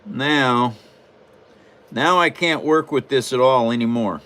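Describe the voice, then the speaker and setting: A man from Washington State, USA, hosts a casual livestream while building a paper model, folksy and rambling with frequent chuckles. His voice is mid-range, a bit bright and smooth, and he speaks slowly.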